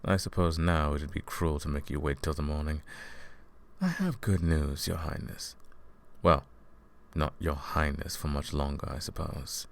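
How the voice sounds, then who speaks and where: In an intimate fantasy audio drama, a man plays a scheming royal advisor, using a full character voice that is very low and gravelly with creak, steady in tone and a little slow. He speaks to the listener with courtly, theatrical politeness, smooth-tongued and condescending beneath feigned sympathy, sounding smug and theatrical.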